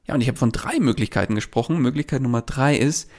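A man speaks quickly at medium pitch, his voice a little mellow, in a solo podcast monologue. He shares a client story and addresses listeners directly with advice, rambling casually with many filler words.

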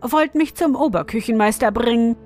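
A woman's voice: fairly high pitch, moderate pace, a little mellow, soft background music, natural voice. A woman voicing a small dwarf who speaks politely and humbly.

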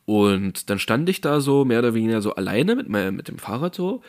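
A man's voice: on the low side, sing-song, fairly quick, a little mellow. A man telling a story in casual chat, acting out phone calls with raised voices.

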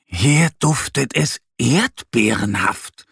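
A man's voice: mid-range voice, lively intonation, takes it slowly, vocal fry, a bit bright, husky, no room sound, studio quality, voice pushed up, full character voice. A man voicing a pleased bear mother in a children's story. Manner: dreamy, pleased. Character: warm bear mother, delighted.

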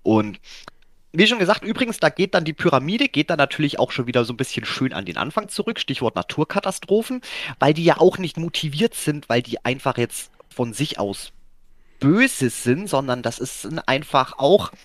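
A man co-hosting a casual podcast discussion, rambling with many fillers and restarts and sudden jumps in pitch. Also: very animated, moderate pace, no echo. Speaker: podcast co-host.

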